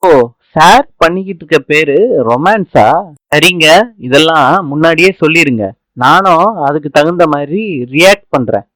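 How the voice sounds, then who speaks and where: Guy reading lines for a teasing young wife, bossy, kinda high voice, dry close sound. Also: moderate pace, a bit bright, no room sound, natural voice. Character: cheerful young woman, playful teasing wife. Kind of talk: serial recap narration.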